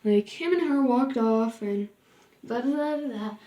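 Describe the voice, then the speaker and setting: A young woman tells a storytime vlog about her ex in a blunt, sassy way, swearing casually. Her voice sits fairly high and she takes her time, drawing out the telling. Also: unhurried, warm tone, echoey room, recorded from a distance, a little hiss or hum. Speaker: vlogger. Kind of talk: storytime monologue.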